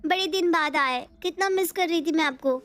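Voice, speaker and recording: A woman's voice: very high-pitched, moderate pace, a bit bright, pitched above the performer's own voice. A woman voicing a sweet young daughter-in-law. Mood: eager. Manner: sweet, earnest. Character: eager young daughter-in-law, easily hurt. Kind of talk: cartoon story voice acting.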